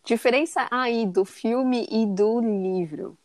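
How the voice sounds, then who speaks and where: A woman's voice: a little high, takes it slowly, darkish tone, no echo. A woman co-hosting a podcast, listening with frequent "uhum" and adding side notes in casual chat. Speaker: podcast co-host.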